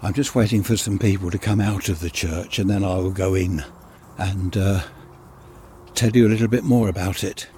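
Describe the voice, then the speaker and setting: This West Sussex man talks his way through a relaxed walkabout vlog into a handheld mic, rambling and thinking out loud in a chatty manner. He has a low, mellow voice with a steady tone and moderate pace, and there's a little hiss or hum.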